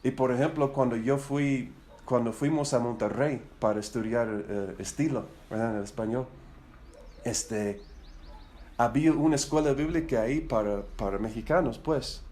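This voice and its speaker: A middle-aged man with a mellow, medium-pitched voice talks at a normal speed. Spanish isn't his first language, and he leads a Bible study for church leaders in a chatty, rambling style, repeating words and using frequent tag questions to ask for agreement. It's casual, conversational teaching.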